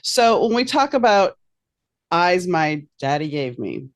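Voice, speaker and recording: A woman's voice: fairly low pitch, big pitch swings, slow. A woman from New Orleans hosting an interview, chatty and asking long, winding questions. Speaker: podcast host. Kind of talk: casual interview chat.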